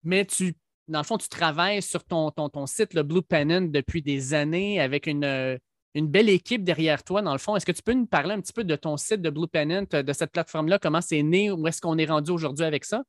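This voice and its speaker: Man, Québécois accent, podcast host, slightly high pitch, hesitant, dry close sound. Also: a little fast, dry recording. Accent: Québécois French. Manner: hesitant, many fillers. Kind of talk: casual podcast interview.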